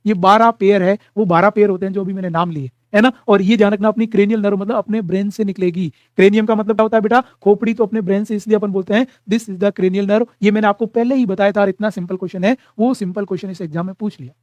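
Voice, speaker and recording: A male teacher runs a nursing exam class in a brisk, high voice. He calls his students "beta" and keeps asking them rhetorical quiz questions. The recording is dry and close, with no room sound. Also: fairly even intonation, a little mellow, dry recording, highs cut off. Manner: addresses students as "beta", repeats "dhyan rakhna". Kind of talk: classroom lecture.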